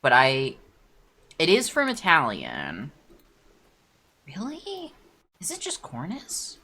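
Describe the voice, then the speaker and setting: Lively, bright casual streamer. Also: medium pitch, unhurried, a little hiss or hum. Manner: rambling, distracted, swears casually. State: eating while talking. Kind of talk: casual livestream chat.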